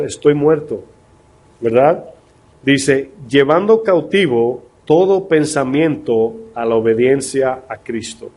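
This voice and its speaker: He's a pastor speaking at a medium pitch with a little mellowness, keeping the sermon conversational. Rhetorical questions punctuate his talk, and he reads scripture slowly and deliberately.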